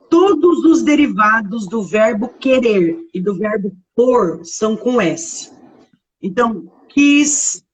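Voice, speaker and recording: Slow-speaking woman teaching grammar live. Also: a little high, distant mic, poor audio. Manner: explanatory, frequent checking tags. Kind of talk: live online grammar lesson.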